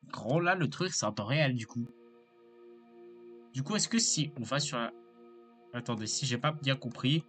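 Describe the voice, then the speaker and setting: A man's voice: medium pitch, expressive, moderate pace, pauses often, fairly bright tone, soft background music. A man giving casual let's play commentary, hesitant and rambling with lots of fillers and apologies. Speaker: gaming YouTuber.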